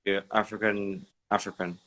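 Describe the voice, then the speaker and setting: A man hosting a livestream, chatting with callers in a relaxed, brief way. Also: on the low side, normal speed. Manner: laid-back, relaxed, brief replies. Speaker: livestream host. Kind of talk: casual chat.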